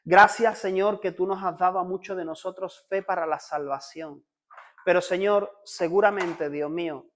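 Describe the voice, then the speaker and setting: A Spanish-accented man with a high, light voice leads a church in prayer. His delivery is fervent and pleading, and he keeps returning to short repeated calls to the Lord. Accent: Spanish (Spain). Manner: fervent prayer, repeating "Señor" constantly, rising to urgent pleading. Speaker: pastor. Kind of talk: leading a congregation in prayer.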